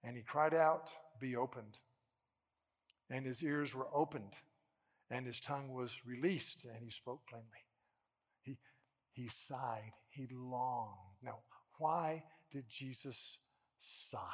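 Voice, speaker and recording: A man preaching a sermon as pastor, stammering over repeated words as he presses a point and dropping from loud to hushed. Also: a little high, breathy edge, long reverb tail.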